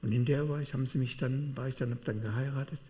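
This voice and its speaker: Guy preaching, mid pitched voice, gets loud then quiet, long echo like a big church. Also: quick pace. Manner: animated, personal testimony with sudden swings in loudness. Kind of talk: sermon. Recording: long hall reverb.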